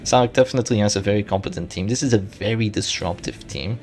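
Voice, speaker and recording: A man's voice: fairly low pitch, fast, a little mellow, soft background music. A man giving casual live commentary on his own strategy game match, thinking aloud and correcting himself as he goes. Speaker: gaming channel host.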